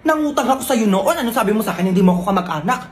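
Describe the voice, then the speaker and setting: A woman performing comic family skits, switching quickly between bickering characters. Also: on the high side, lively intonation, darkish tone, faint music behind. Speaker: comedy sketch creator.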